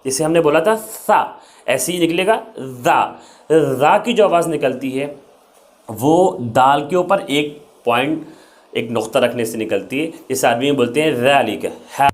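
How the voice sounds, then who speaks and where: A young man teaching the Arabic alphabet in Urdu, patiently explaining each letter and repeating its sound. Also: mid-range voice.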